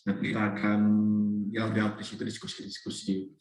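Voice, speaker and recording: A man moderating a webinar, thanking the speaker and wrapping up with plain, steady remarks over a video call. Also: fairly low pitch, quick pace, soft background music. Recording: echoey room.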